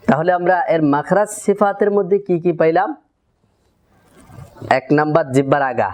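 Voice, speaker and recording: A man teaching Quran pronunciation in a methodical tajweed lesson, repeating syllables deliberately for learners to copy. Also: fairly high pitch, a little mellow. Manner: drills letter sounds, repeats syllables deliberately.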